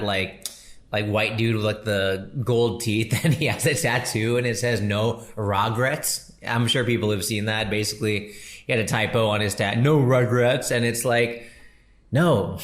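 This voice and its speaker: A man's voice: lowish voice, fairly bright tone. A man in his thirties hosting a podcast, talking casually and answering a listener in a chatty, slangy way. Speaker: podcast host and comedian.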